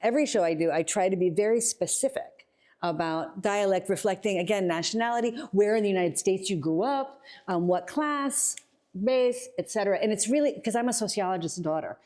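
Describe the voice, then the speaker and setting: A woman's voice: medium pitch, a little fast, darkish tone. A woman stage director talking in an interview, thoughtful and explanatory, with frequent restarts. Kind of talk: casual interview.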